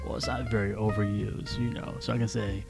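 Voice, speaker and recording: A man's voice: lowish voice, little pitch movement, brisk, gravelly, over music. A man co-hosting a casual podcast, rambling with many fillers and restarts. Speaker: podcast co-host.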